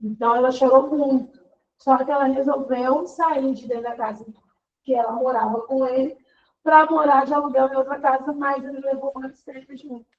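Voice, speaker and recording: A woman's voice: high-pitched, fairly even intonation, normal speed, recorded from a distance, highs cut off. A woman teaching an online class in a chatty, rambling way, full of fillers.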